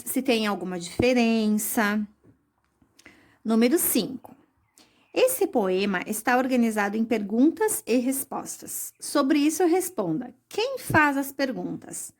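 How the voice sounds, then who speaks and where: A woman teaching young children a recorded lesson, explaining slowly and patiently, with many diminutives. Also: fairly high pitch. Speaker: primary school teacher.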